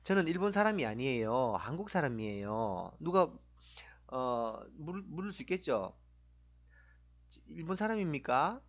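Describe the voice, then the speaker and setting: Animated man leading language drills. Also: on the high side, unhurried. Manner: animated, encouraging, drills phrases aloud. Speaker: language teacher. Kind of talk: language lesson with repeat-after-me drills.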